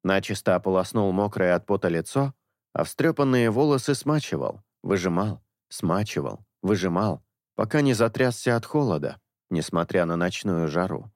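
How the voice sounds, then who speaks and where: A man narrating an audiobook in a measured, expressive storytelling manner. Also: low-pitched, no room sound, clean studio sound.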